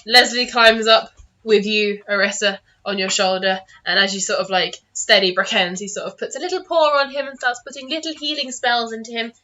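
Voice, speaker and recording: A woman running a tabletop game as game master, narrating casually and improvising in an animated, giggly, informal way. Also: on the high side, fairly quick, muffled recording.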